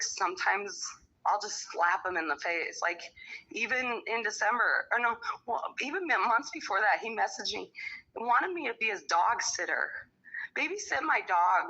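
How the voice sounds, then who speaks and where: A woman in casual chat, talking bluntly and swearing freely as she tells animated stories. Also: mid-range voice, moderate pace, breathy edge. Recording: dull lo-fi recording.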